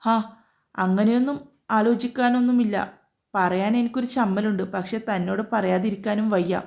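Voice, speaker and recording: A woman's voice: mid-range voice, fairly even intonation, normal speed, gravelly, a little mellow, lightly acted. A woman reading as a hesitant young husband. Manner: hesitant, earnest.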